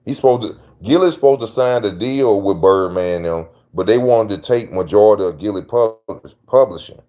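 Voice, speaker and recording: A man's voice: fairly low pitch, a little fast, warm tone. A man hosting his own channel, giving casual opinion commentary in a slangy, emphatic way that repeats his points. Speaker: channel host.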